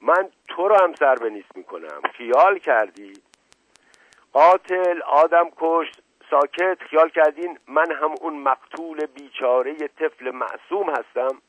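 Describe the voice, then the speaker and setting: A man voicing a fiery, sharp-tongued middle-aged widow, shrill and indignant. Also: dry recording, lo-fi sound. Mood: furious.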